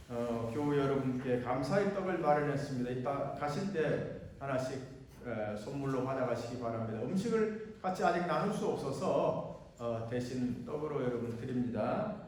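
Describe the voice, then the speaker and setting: A man serving as pastor, praying in a measured, solemn cadence and then giving church announcements with frequent fillers. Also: mid-range voice, lively intonation, darkish tone, slight background noise. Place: church sanctuary. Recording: echoey church hall, distant mic.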